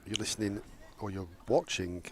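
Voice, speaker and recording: A man's voice: lowish voice, normal speed, a little hiss or hum. A man with a Northern English accent giving live cricket commentary outdoors under a gazebo, jokey and self-deprecating.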